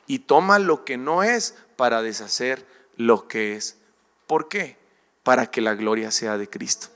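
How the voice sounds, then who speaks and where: A man's voice: mid-range voice, expressive, a little slow, a bit bright, clear, resonant tone. A male pastor with a Mexican Spanish accent preaching a sermon, acting out short dialogues in changing voices and joking with the congregation. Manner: playful preacher who acts out dialogues in shifting voices.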